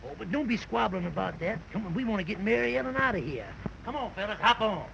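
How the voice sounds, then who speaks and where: An actor playing an impatient western wagon hand in stagey 1930s film style. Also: male voice, high-pitched, animated, fast talker, creaky, highs cut off, heavily acted. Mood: urging. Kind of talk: stagey 1930s early talkie film acting. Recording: noisy 1930s film soundtrack.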